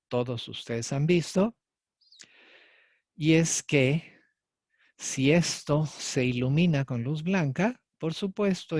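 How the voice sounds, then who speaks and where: A man's voice: mid-range voice, a little mellow, dry recording, clean studio sound. Man lecturing on physics. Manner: explanatory, addresses students directly with frequent "¿sí?" and "ok". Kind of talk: recorded lecture.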